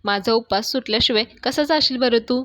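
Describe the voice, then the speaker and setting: A woman's voice: fairly high pitch, fairly quick, a bit bright, dry recording, clean studio sound, lightly acted. Stubborn lovestruck girl, woman reading her, pushy, teasing. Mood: insistent. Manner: insistent, teasing. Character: stubborn young woman in love, insisting.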